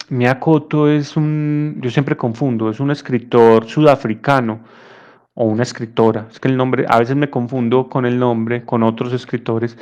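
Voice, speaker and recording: A male psychologist gives a conference talk, conversational and unhurried, repeating words as he searches for them. His voice sits in a plain middle range. He shifts easily into storytelling. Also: medium pitch. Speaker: psychologist giving a lecture.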